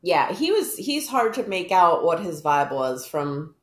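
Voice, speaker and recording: A woman co-hosting a podcast in casual, joking chat with quick reactions. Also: fairly low pitch, very animated, roomy sound. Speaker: podcast co-host.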